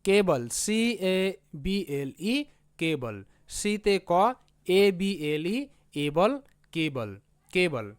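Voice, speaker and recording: A man's voice: on the high side, expressive, slow, long pauses. A man teaching English spelling patterns, patiently spelling out letters and repeating each word. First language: Bengali. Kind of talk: spelling lesson.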